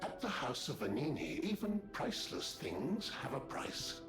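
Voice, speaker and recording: A man's voice: fairly high pitch, sing-song, moderate pace. An actor voicing a polite male puppet butler in a video game, speaking in formal, deferential salesman patter. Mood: courteous. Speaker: major domo of a luxury shop. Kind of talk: video game character dialogue. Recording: roomy game audio with music behind.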